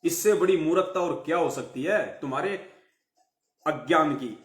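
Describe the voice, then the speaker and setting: A man with a light tinge to his preaches fiercely, berating his listeners and repeating phrases for emphasis. His voice sits high for a man. The recording has a roomy echo around it. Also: normal speed. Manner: scolding, rhetorical questions, repeated emphatic phrases. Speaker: devotional live speaker. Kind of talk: fiery devotional sermon.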